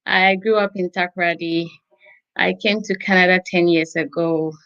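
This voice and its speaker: A woman from Ghana introducing herself as a guest, soft-spoken and hesitant with many pauses. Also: on the low side, fairly even intonation, lo-fi sound. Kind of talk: conversational self-introduction.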